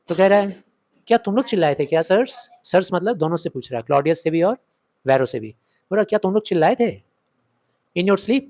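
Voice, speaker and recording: A man with an Indian English accent teaching a play, reading the old lines slowly and explaining them in quick conversational Hindi. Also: a little high, a little mellow.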